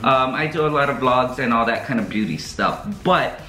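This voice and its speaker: Chatty and joking, this male vlog host talks to his audience with lots of ums. His medium-pitched voice is animated, pushed and bright, moving at normal speed, and the room echoes with faint music playing.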